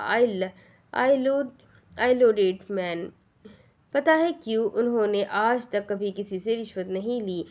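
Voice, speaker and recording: A woman's voice: medium pitch, close to an everyday voice. A woman voicing a cold, blunt female barrister who slips English phrases into her speech. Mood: smug. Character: cold sharp-tongued female barrister, young adult.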